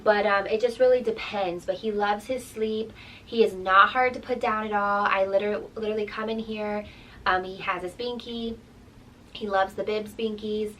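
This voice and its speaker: A young mother chats to camera at home in a loose, filler-heavy way, with plenty of ums and likes. Her voice sits at an ordinary middle pitch. She is recorded from a little way off the mic, with faint noise underneath. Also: steady tone, normal speed, a bit bright, far from the mic, poor audio. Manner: chatty, many ums and likes. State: out of breath. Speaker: vlogger, mother. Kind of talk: casual chat to camera. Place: home room.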